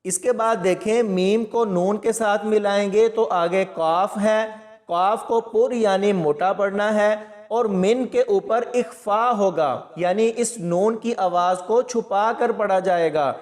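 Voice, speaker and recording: A man's voice: sits high, in a large hall. A man teaching Quran recitation, explaining pronunciation patiently and methodically, step by step. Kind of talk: step-by-step tajweed lesson.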